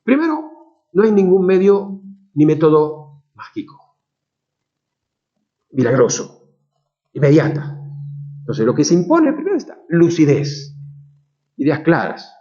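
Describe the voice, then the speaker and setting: Priest lecturing in lively, muffled tones. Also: male voice, a little high, measured pace, pauses often. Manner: conversational, many restarts and tag questions, emphatic on key words. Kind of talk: spoken moral lecture to a congregation. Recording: dull lo-fi lecture recording.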